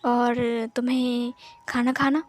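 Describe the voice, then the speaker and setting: Woman doing a cool, possessive young man, calm commanding lines in her own high voice, faint music; storybook. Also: slow. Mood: coaxing.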